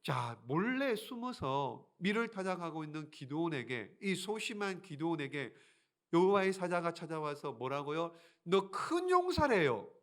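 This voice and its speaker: A man's voice: fairly high pitch, expressive, normal speed. A man preaching a sermon as pastor, reading scripture aloud and pressing the congregation with rhetorical questions. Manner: emphatic, frequent rhetorical questions.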